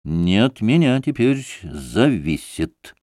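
A man's voice: fairly low pitch, very animated, slow, a little mellow, dry recording, studio quality. A man voicing a self-important, impatient doctor who speaks curtly and stresses every syllable.

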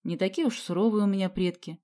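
A woman's voice: mid-range voice, a little fast, warm tone, natural voice. Stern teenage girl, read by a woman, curt gloomy lines, close to a plain voice. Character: serious, strict teenage girl Galya, group leader.

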